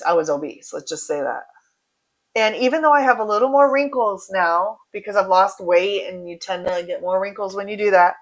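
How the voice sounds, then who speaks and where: A woman in her late forties hosts a relaxed livestream and reads out comments from her viewers. She talks in a chatty, rambling way and keeps drifting into side remarks about her own life. Her voice sits at a middling pitch for a woman. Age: 40s. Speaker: host reading viewer comments. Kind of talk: casual livestream chat.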